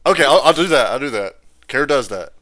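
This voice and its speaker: A man's voice: mid-range voice, expressive, a little fast, a bit bright. A man playing a tabletop game, easygoing and laughing. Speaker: player.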